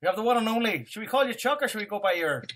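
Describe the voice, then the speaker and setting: A man's voice: sits high, very animated, racing, a bit bright. A man hosting a casual football podcast, full of jokey, sweary banter. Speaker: podcast host.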